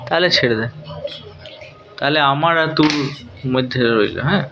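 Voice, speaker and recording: A low-pitched woman chats casually in a home vlog, firing off playful, teasing questions. Her voice sits deep for a woman. The sound is dull and lo-fi, and loud music plays underneath. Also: normal speed. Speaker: vlogger. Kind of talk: casual family chat, filming a child.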